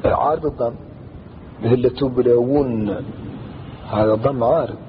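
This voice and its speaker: A man teaching a traditional Arabic grammar lesson, explaining slowly and deliberately and chanting lines of verse as he repeats them. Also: mid-range voice, steady tone. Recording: dull lo-fi recording with faint background noise.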